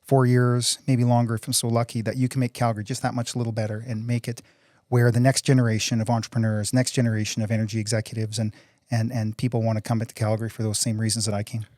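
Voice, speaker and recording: A man's voice: mid-range voice, flat delivery, fast talker, darkish tone, dry recording, studio quality. A man in his forties, a city council candidate answering interview questions in an earnest, upbeat way, often repeating words as he goes. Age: 40s.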